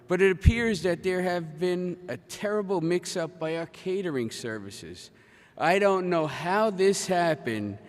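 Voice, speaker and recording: A man quoting an apologetic flight attendant. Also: fairly high pitch. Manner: polite, announcing. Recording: echoey convention hall.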